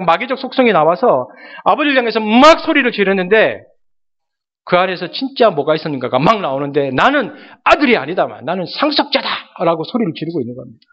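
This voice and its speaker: A man's voice: high-pitched, expressive, fast talker, muffled recording. A male pastor preaching a sermon, speaking dramatically and addressing the congregation directly.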